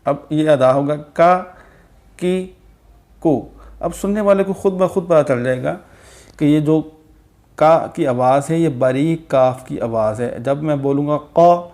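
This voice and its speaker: A man teaching Quran letters, slowly sounding out syllables and repeating them patiently in a lesson. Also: a little high, darkish tone. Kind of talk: slow recitation lesson with drills.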